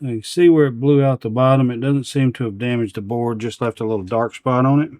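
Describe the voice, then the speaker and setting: At an indoor electronics workbench, a repair channel host with a medium-pitched, slightly mellow voice and fairly even intonation talks briskly, casually and unscripted, partly to himself as he works. The recording is dry and studio quality.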